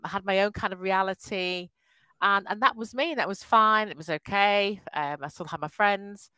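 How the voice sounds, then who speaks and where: Speaking over a call in a rough, dry-sounding recording, a woman from England in her fifties chats about her life as a podcast guest. Her medium-pitched voice is smooth. She's warm and talkative, laughing a lot and often starting sentences over.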